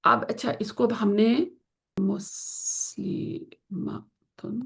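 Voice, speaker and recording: A woman teaching Quranic Arabic grammar in an online class, explaining in Urdu mixed with English and slowly drawing out the Arabic example words. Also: mid-range voice, gravelly. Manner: slow drawn-out pronunciation of Arabic example words, asks students to confirm.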